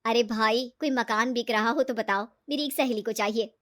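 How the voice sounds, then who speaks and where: Give me a woman playing a loud, coaxing, scheming false friend. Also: fairly high pitch, normal speed, lightly acted.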